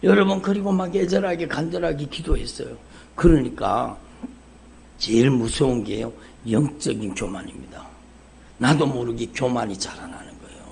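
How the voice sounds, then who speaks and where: Gravelly Korean pastor preaching fervently. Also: male voice, medium pitch, normal speed, darkish tone. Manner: fervent preaching, repeats "여러분" and "정말로". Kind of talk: sermon. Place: church sanctuary. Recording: live church service stream.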